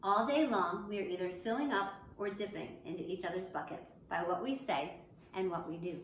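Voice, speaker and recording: Speaking at a mid-range pitch and a little quickly, this woman is an elementary school teacher reading a picture book to young children. She adds asides to her pupils in simple, encouraging words, and the room is echoey with faint background noise.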